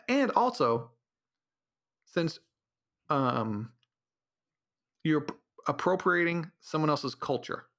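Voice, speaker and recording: With a fairly high, fairly bright voice, a solo podcast host rambles through a sarcastic comedic rant. He drops into mocking voices along the way.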